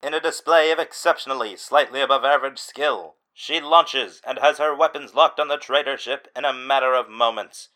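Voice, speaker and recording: Bright-voiced deadpan male narrator. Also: mid-range voice, normal speed, hardly any pauses, rough recording. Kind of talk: mock-dramatic scripted narration.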